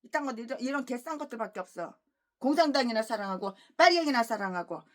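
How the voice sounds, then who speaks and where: A woman pastor preaching an expository sermon, breaking into angry, abusive tirades that swing between shouting and low muttering. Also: expressive, fast talker.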